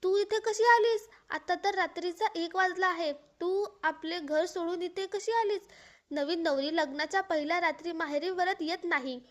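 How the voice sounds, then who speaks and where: A stern older aunt in a storybook, quick to scold and quick to comfort, as a woman narrator puts her on. The voice sits high and bright. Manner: scolding then consoling.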